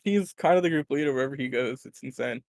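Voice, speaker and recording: A man's voice: mid-range voice, fast talker, a little mellow, no echo. A young man guest on a casual podcast, telling rambling anecdotes with lots of fillers and laughter. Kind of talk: casual chat.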